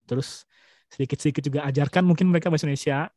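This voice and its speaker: Chatty relaxed young man. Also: a little high, racing, no echo, studio quality. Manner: relaxed, chatty, many fillers and restarts, laughs often. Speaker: guest speaker. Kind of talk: casual webinar chat.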